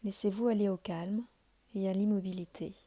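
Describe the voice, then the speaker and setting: A woman leads a guided relaxation as a yoga instructor. Her voice is warm and mellow, sitting at a middle pitch. She delivers each instruction calmly and deliberately, leaving soothing pauses between phrases. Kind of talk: guided meditation, measured scripted instruction.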